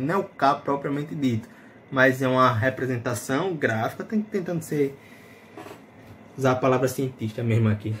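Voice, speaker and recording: Man, teacher, phonetics lesson, slightly high pitch, explanatory, checks in often, faint background noise. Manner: explanatory, checks in with tag questions. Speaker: Portuguese teacher.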